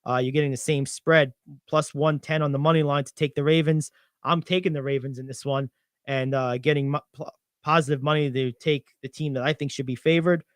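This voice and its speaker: A young man co-hosting a sports radio show, animated and confident as he talks through football picks, piling on "I think". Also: on the high side, fairly quick, dry recording, studio quality. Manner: animated, gets louder when excited, many "I think"s. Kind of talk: sports betting talk.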